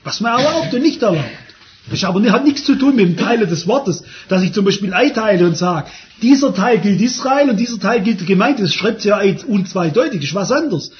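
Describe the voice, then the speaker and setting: A man's voice: high-pitched, expressive, a little fast. A man preaching a sermon, emphatic and repeating phrases for stress. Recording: dull lo-fi sermon recording.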